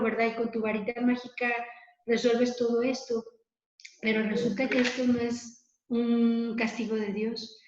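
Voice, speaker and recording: Woman, fairly high voice, earnest meditation talk, echoey lo-fi recording. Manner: earnest, conversational, tag questions. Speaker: preacher leading a prayer meditation. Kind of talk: spoken meditation. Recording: dull, lo-fi, echoey room.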